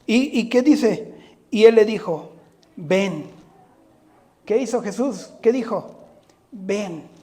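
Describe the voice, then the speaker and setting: A man's voice: high voice, unhurried, warm tone. A man preaching a sermon, speaking earnestly, often putting rhetorical questions to the congregation and addressing them directly.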